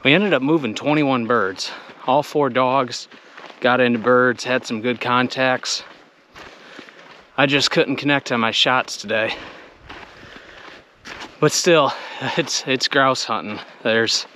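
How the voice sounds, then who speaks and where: A man's voice: mid-range voice, steady tone, unhurried, bright, forceful tone, a little hiss or hum. A man narrating a day of hunting while walking through hilly woods outdoors, talking to the camera and slightly out of breath. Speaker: hunting vlogger.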